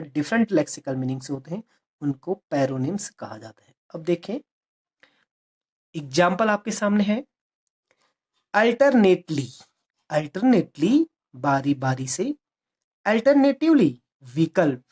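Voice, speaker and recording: Slow, husky-voiced Indian woman teaching. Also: sits low, a little mellow. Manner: slow, drawn-out English definitions, quicker Hindi explanations; repeats key words and asks rhetorical questions. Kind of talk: exam-prep lesson.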